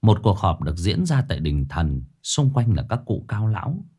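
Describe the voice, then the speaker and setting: A man's voice: fairly low pitch, sing-song, normal speed, mellow, slightly rough. A man narrating a ghost story dramatically.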